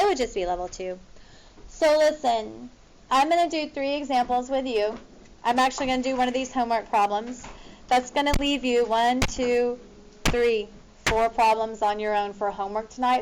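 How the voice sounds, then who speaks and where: In a fairly high voice, this female teacher talks her class through math examples, informal and directive, making sure the students keep up. Slight background noise and poor audio mark the recording.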